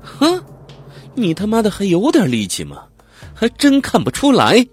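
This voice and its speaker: A man's voice: sits high, big pitch swings, moderate pace, sharp tone, soft background music, voice pushed up, full character voice. A man putting on a sneering brute of a woman convict. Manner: sneering, crude, domineering. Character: brutal coarse middle-aged woman convict bully. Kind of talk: audiobook character voice.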